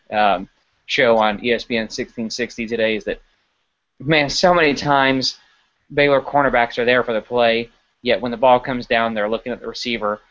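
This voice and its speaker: Male podcast co-host, casual game analysis, quick restarts, lo-fi audio. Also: mid-range voice. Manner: animated, stumbling restarts while analyzing. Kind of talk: casual sports podcast chat.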